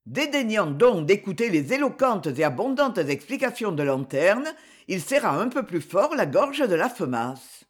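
A narrator reads an adventure novel with dramatic expression. The pitch sits in a middle register but swings widely. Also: very animated, moderate pace, slightly rough. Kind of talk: audiobook narration.

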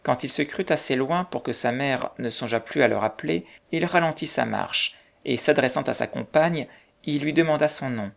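Gravelly storybook narrator. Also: mid-range voice, normal speed. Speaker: audiobook reader. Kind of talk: scripted narration.

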